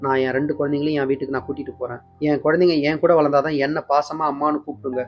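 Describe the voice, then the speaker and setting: A man's voice: a little high, flat delivery, very fast, muffled recording, faint music behind, close to an everyday voice. A man voicing a distraught young mother in a soap recap, tearfully pleading to keep her children.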